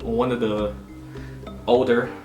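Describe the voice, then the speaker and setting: This young man in his twenties, a vlogger from Augusta, United States, relates a personal story at a slow pace in a mid-range voice. His talk is lively and full of slang plus check-ins like "you know what I'm saying," set against music in a reverberant room.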